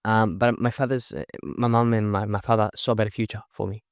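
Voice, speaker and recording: A young man with a lowish voice, originally from Chile and a native Spanish speaker, has an accent mixing Spanish and Australian. As a podcast guest who organizes networking events, he speaks quickly and emphatically in energetic, casual interview talk, often ending with "right?". The recording is dry, with clean studio sound.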